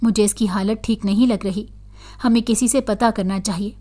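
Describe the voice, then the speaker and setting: A woman's voice: medium pitch, steady tone, moderate pace, mellow, natural voice. A woman voicing a worried, frightened middle-aged mother who speaks in an anxious, pleading way.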